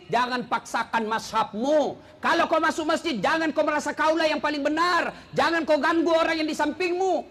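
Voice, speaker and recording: High-voiced preacher telling jokes. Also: male voice, sharp tone. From South Sulawesi. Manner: joking storyteller, acts out characters, drops low for punchlines. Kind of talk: humorous sermon.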